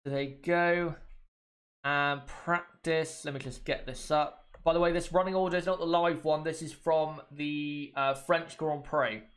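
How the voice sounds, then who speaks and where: Speaking a little slowly in a slightly high, steady, fairly bright voice, this UK livestream host has a bit of a cold. He gives casual watchalong commentary to his viewers and tends to say things more than once.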